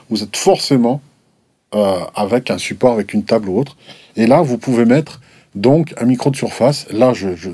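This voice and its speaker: A man's voice: medium pitch, warm tone, slightly rough, no room sound. A man reviewing microphones in a casual, explanatory way, hesitant and full of restarts and fillers. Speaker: gear reviewer. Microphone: desk microphones at a distance, switched between.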